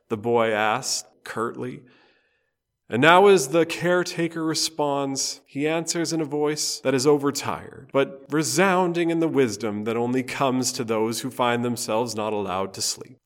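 A man preaching a storytelling sermon, telling Bible stories slowly, phrase by phrase, with dramatic pauses. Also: medium pitch.

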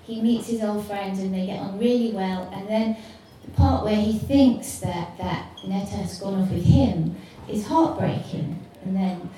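A woman's voice: medium pitch, unhurried, hardly any pauses, warm tone. A woman on a book club panel, talking in a rambling, enthusiastic and casual way. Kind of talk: casual discussion. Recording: echoey room, mic far off, faint noise.

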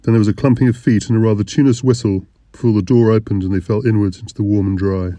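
A man reading an audiobook in measured, descriptive narration. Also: lowish voice, fairly even intonation, warm tone, no room sound.

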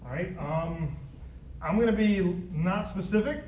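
Here a man leads Bible study at an unhurried pace, his voice high-pitched, conversing easily and frequently questioning the group. The room is a classroom or church meeting space. The recording comes across roomy, distant, and dull, lo-fi with faint background noise.

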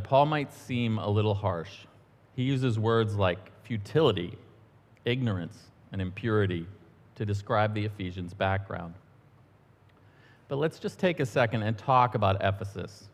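A middle-aged man giving a relaxed, conversational sermon in church, telling stories with the odd um and aside. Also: fairly low pitch. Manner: relaxed, storytelling, a few ums and asides. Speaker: church minister. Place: church sanctuary. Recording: long church-hall reverb.

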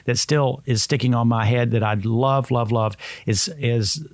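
A man's voice: mid-range voice, steady tone, a little slow, darkish tone, dry recording. A man hosting a podcast conversationally, speaking earnestly and often rephrasing as he goes. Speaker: podcast host.

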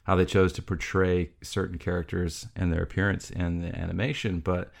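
Deep gravelly man in casual chat. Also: flat delivery, normal speed. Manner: rambling, laughs often, many restarts and fillers. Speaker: podcast host. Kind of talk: casual chat about a film.

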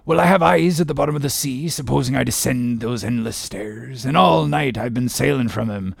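An old one-legged sea captain with a deeply gravelly, husky voice. He is obsessed and defiant, declaiming in archaic phrases like a storybook tragic hero. The sound is dry and close. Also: normal speed, dry recording. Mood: brooding. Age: older.

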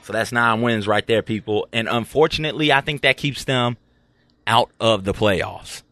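Man, sports podcast co-host, casual chat, clear music bed behind him. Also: mid-range voice, steady tone, moderate pace, bright, forceful tone. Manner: playful, predicts games one word at a time.

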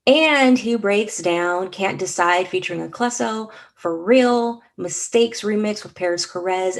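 A woman hosts a podcast interview, her voice sitting a bit low for a woman. She asks questions in a friendly, upbeat way and often affirms her guest. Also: creaky.

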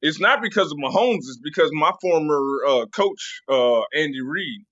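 A man's voice: fairly high pitch, lively intonation, normal speed, fairly bright tone, no room sound, lo-fi sound. A man co-hosting a podcast, arguing contrarian football takes in a casual, stammering way. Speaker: podcast co-host. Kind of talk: casual sports debate.

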